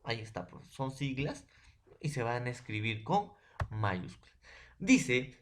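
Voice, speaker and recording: A Peruvian man gives a secondary school language lesson. His voice sits at a middle pitch, and he circles back over each point, tagging questions onto nearly every sentence. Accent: Peruvian Spanish. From Peru. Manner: repetitive, keeps adding tag questions and "profesor". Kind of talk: remote class lecture.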